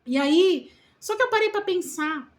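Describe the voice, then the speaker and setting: A woman's voice: extremely high pitch, expressive, measured pace. A woman with a Brazilian Portuguese accent, a first-time mother, talking earnestly and unhurriedly to her viewers about parenting, with many diminutives and rhetorical questions. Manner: calls herself loud-spoken. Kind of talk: casual talk to camera.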